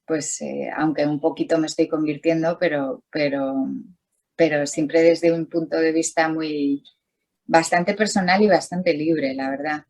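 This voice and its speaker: The interview guest, a middle-aged Spanish-speaking artist, talks informally on a video call, wandering with frequent restarts and fillers. She has a low, slightly mellow voice, fairly even in intonation and a little slow.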